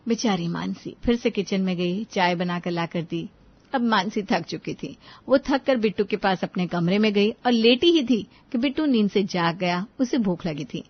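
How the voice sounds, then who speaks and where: A woman's voice: mid-range voice, moderate pace, lo-fi sound. A woman narrating a scripted bedtime story with sympathy for its heroine.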